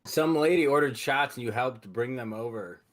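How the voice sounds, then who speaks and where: A man's voice: medium pitch, normal speed, fairly bright tone. A man co-hosting a podcast from home, joking and teasing in casual chat. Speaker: podcast co-host.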